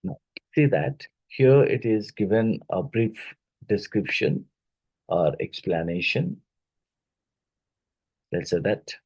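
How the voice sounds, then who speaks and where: A man's voice: fairly low pitch, lively intonation, slow, gravelly, pauses often, a little mellow, breathy edge. A man with an Indian English accent teaching phonetics for exam prep, explaining step by step and often checking in with "right?" and "isn't it?". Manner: explanatory, checks in with tag questions. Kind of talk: exam-prep lecture walking through worksheets.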